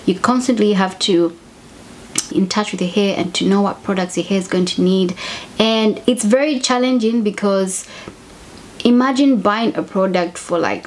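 A young Zambian woman, a YouTuber, talks to camera in a casual vlog with a medium-pitched voice. She's chatty and conversational, often correcting herself mid-sentence. She's in a room at home with bookshelves, recorded by a camera at desk distance with slight background noise.

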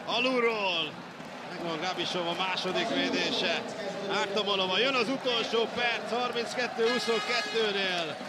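A male sports commentator calls live handball. He is excitable and openly partisan, over a very loud crowd and heavy arena noise. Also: high-pitched. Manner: partisan, excitable, shouts at big moments.

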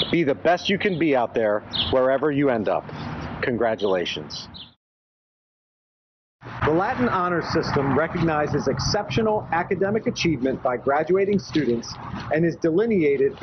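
Man giving a formal outdoor speech. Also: a little high. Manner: measured, formal address with deliberate pauses. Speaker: high school principal. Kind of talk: commencement speech. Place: outdoors in front of a brick building. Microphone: podium microphone. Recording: dull outdoor recording with traffic noise.

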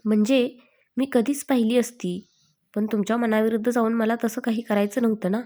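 A woman's voice: a little high, little pitch movement, quick pace, dark tone, close to an everyday voice. A woman reading a story aloud, voicing a playful, cheeky young man who jokes with his family. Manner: joking, cheeky.

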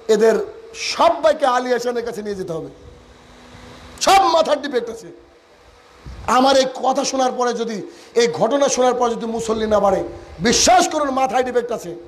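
A man preaching a sermon, retelling a story with acted-out dialogue, repeating his points with emphasis. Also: very high voice.

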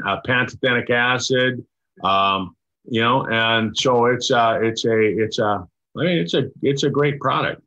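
An older man, a doctor, explaining a product in casual chat over a video call, halting with many restarts and fillers. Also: mid-range voice, bright, forceful tone. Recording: dull lo-fi video call audio.

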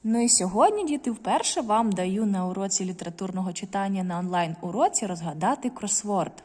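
Woman teacher, video reading lesson for kids, careful slow word-by-word reading, long room reverb. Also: mid-range voice, animated, warm tone. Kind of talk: recorded online reading lesson for children.

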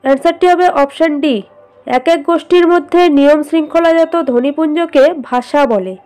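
A woman with a high voice and a Bengali accent works through exam practice questions. She reads each question and its options in an even, methodical way, then gives the answer. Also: normal speed. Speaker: exam prep teacher. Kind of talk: reading quiz questions and answers.

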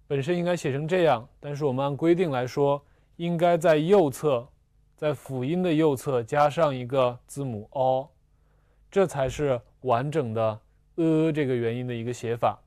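A man teaching a language lesson, slowly explaining spelling and pronunciation with patient repetition and small fillers. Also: mid-range voice, dark tone, no echo, studio quality. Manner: slow and patient, repeats syllables twice, fillers like "啊" and "呃". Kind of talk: slow, deliberate classroom explanation.

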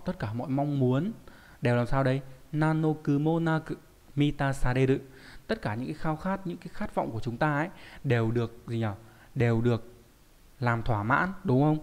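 A man's voice: medium pitch, darkish tone, in a large hall. Man teaching Japanese with rhetorical questions. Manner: rhetorical questions answered himself, slow careful Japanese readings. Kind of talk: reading lesson explained in Vietnamese.

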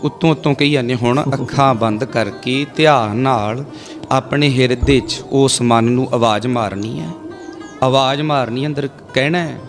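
A male preacher giving a storytelling sermon to a congregation. He asks them rhetorical questions and leads call-and-response chanting. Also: medium pitch. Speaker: Sikh preacher leading a congregation.

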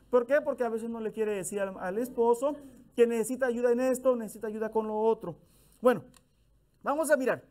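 A middle-aged male minister, giving a folksy, conversational sermon with acted-out bits of dialogue. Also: extremely high pitch.

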